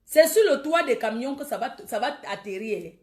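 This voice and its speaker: Woman, high voice, defiant, taunting, scolding, livestream rant. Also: expressive, normal speed, a little mellow. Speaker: social media livestreamer. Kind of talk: ranting Facebook live video.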